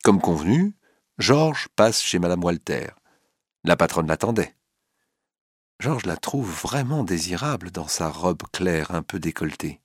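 A male storyteller with a low voice reads a classic novel aloud, swinging his pitch widely to dramatize the scenes. The sound is dry and close to the mic. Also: a little slow, breathy edge, no echo. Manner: expressive, dramatic reading. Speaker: narrator. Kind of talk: storybook narration.

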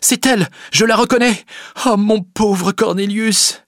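A man voicing an earnest young peasant girl in a storybook reading, speaking in a high, strained voice. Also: measured pace, fairly bright tone, dry recording, clean studio sound. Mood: distressed.

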